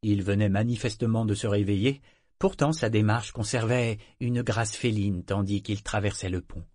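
A man narrating a novel as an audiobook in a measured, even way. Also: fairly low pitch, dry recording, clean studio sound. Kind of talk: scripted narration.

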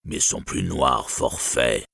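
Casting: dying gloating dragon, very low and slow, husky, read by a man. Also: lively intonation, a bit bright, exaggerated voice. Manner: slow, deep, menacing delivery. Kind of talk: audiobook reading.

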